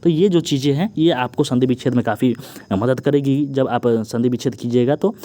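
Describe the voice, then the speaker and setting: Man, young adult, exam coaching teacher, Hindi grammar lesson, very quick delivery, mellow dark tone, frequent check-ins. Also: mid-range voice. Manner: rapid list-reading with frequent "ठीक ना" checks and "Babu" address.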